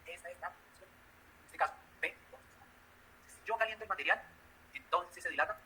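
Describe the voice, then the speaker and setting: A man's voice: high voice, normal speed, bright, forceful tone, a little hiss or hum, poor audio. A man teaching a math class, walking through logic with everyday examples and asking the class questions. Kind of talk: classroom lecture.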